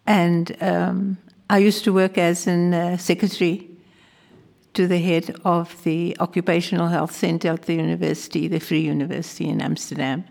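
A retired older woman with a South African accent talks in a low, gravelly voice. She tells her family story in a composed, measured way during an interview. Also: level tone, darkish tone. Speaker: guest.

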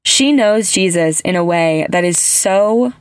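A woman's voice: lowish voice, measured pace, clear, resonant tone, dry recording. A woman hosting a podcast, telling stories in casual, gushing chat with lots of "like" fillers. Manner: chatty, heavy use of "like" fillers; earnest, gushing storyteller. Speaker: podcast host.

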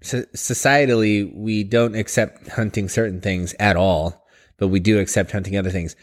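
A man's voice: lowish voice, steady tone, moderate pace. A man co-hosting a podcast in casual chat, dry and a bit sarcastic. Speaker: podcast co-host.

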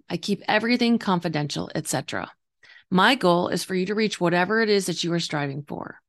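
A woman with a gravelly, slightly hoarse voice talking earnestly and reflectively as a coach hosting a solo podcast, explaining her views. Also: lowish voice. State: voice partly gone, slightly hoarse. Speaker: intuitive coach and podcast host.

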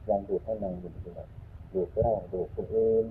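A man's voice: low voice, steady tone. Isan guy doing a buddhist dharma talk, lots of hmms, lo-fi tinny audio w/ faint hiss. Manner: unhurried, repetitive teaching with frequent hums. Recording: tinny phone-like lo-fi sound with faint noise.

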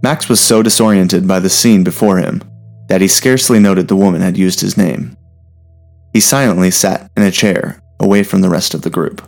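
A man narrating a story in a steady, measured reading voice. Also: low-pitched, vocal fry.

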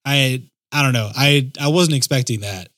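A man's voice: medium pitch, normal speed, fairly bright tone, no echo. Easygoing man in a dry recording. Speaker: music podcast co-host. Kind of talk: casual chat.

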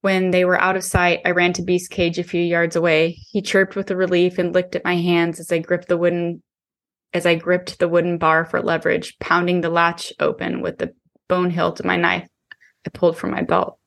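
A woman, an author, reading her own novel aloud in steady first-person audiobook narration. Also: on the low side. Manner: steady, measured reading with occasional restarts.

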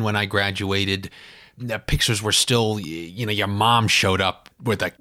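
A man's voice: on the low side, fairly bright tone, dry recording, studio quality. Sarcastic New man ranting. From New York. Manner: sarcastic, ranting, self-deprecating. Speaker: podcast host. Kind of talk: solo comedic podcast monologue.

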